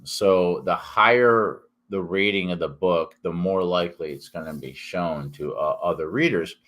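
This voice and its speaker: Deep-voiced man with thick, swollen-mouthed speech. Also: a bit bright. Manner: halting, with repeated false starts and long hesitations. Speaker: YouTube host and independent author. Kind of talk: casual rambling vlog talk. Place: kitchen.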